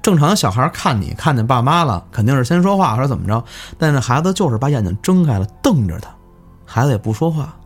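A man telling village ghost stories in casual chat, animated and swearing in surprise. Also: mid-range voice, fast, husky, faint music behind. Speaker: guest storyteller. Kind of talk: casual spooky storytelling.

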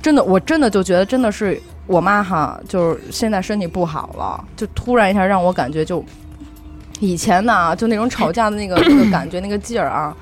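A woman's voice: medium pitch, fairly quick, soft background music. A young woman, chatting casually on a podcast and telling emotional stories about her mother, often asking "you know?". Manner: emotional, animated storytelling with frequent "you know?". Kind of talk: casual chat.

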